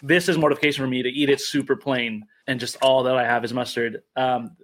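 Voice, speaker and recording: A man's voice: medium pitch, fairly even intonation, fairly quick. A man, a priest hosting a casual group livestream, talks in a rambling, playful way and often corrects himself mid-sentence.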